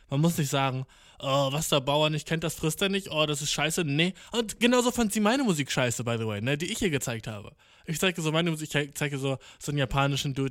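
A man's voice: on the high side, no echo, studio quality. A young man, rambling ironically in casual slang and mixing in English words. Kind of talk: casual monologue to camera.

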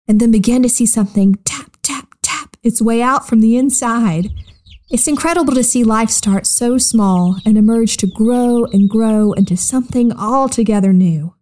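A woman in her thirties hosting a children's podcast, gently narrating a Bible story and speaking directly to young listeners. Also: fairly high pitch.

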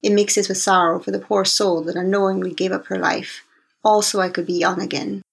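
A woman narrating a fantasy thriller audiobook in the first person, with a measured, steady reading. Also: mid-range voice, gravelly, husky.

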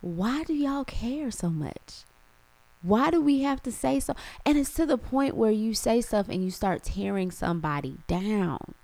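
A young adult woman hosting a casual venting monologue, animated and exasperated, full of rhetorical questions. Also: fairly high pitch, measured pace, gravelly, dry recording. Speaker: podcast host.

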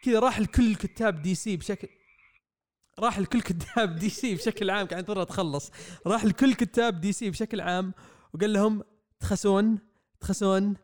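A young man, rambling excitedly through a comic review on a podcast mic. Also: high-pitched, quick pace. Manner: excitable, rambling, acts out quotes. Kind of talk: casual podcast review chat. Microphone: podcast microphone.

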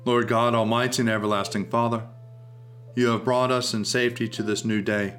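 A man leading liturgical prayer, reciting in solemn, measured phrases as an officiant. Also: medium pitch, level tone, fairly bright tone, faint music behind.

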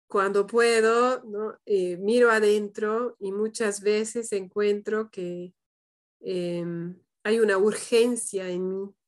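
A woman leading a parenting practice group, speaking calmly and thoughtfully with frequent questioning tags. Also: mid-range voice. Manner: calm, thoughtful, many "¿no?" tags. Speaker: group facilitator. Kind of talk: reflective group discussion.

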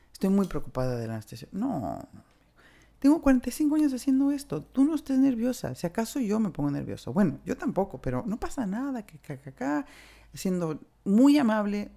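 Chatty Mexican woman, dark voice. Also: fairly low pitch, vocal fry. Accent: Mexican Spanish. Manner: chatty and candid, slangy, acts out dialogue with shifting voices. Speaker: storyteller sharing a personal recovery story. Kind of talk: casual spoken storytelling.

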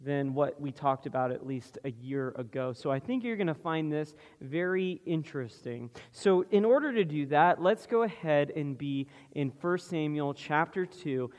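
A man preaching a sermon as pastor, slow and deliberate, asking the congregation questions. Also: fairly high pitch. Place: church sanctuary. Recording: long reverb of a large hall.

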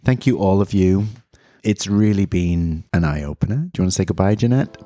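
A man's voice: sits low, normal speed, warm tone, dry recording, faint music behind. A man hosting a casual group chat with a wry, dry humor. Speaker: podcast host.

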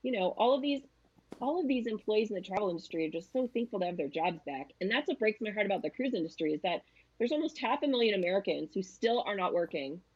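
The audio is dull as a husky woman with a mid-range, slightly mellow voice chats casually. In her thirties and a guest who works as a travel agent, she tells stories chattily and acts out quotes as she goes.

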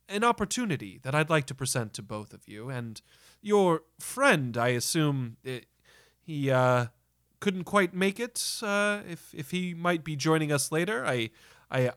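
A man puts on a smooth, sly theater director who chooses his words with care and a touch of theatre. The voice is resonant and clean, recorded close and dry, with no room around it. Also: on the high side, fairly bright tone, no room sound.

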